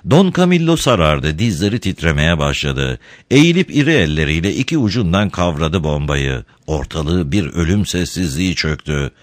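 Deep voiced guy reading a story out loud, really lively delivery, dry close mic. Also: moderate pace, few pauses, no room sound. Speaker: narrator.

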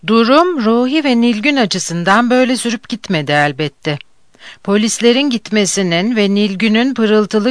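An audiobook narrator reading a novel aloud in a measured, even way. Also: medium pitch, clear, resonant tone, dry recording, clean studio sound.

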